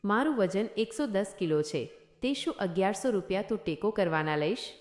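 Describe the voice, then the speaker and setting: A fat, pushy neighbour man in a storybook tale, read by a woman, with an eager, ingratiating way of talking. The voice sits at an ordinary middle pitch. The room around it rings with echo. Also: expressive, normal speed, close to an everyday voice. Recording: echoey room.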